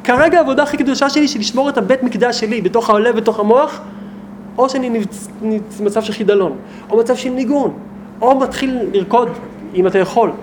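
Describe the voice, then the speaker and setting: A man teaching as a rabbi to a small group, talking in an animated, emphatic way with many rhetorical questions. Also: very high-pitched, a little hiss or hum.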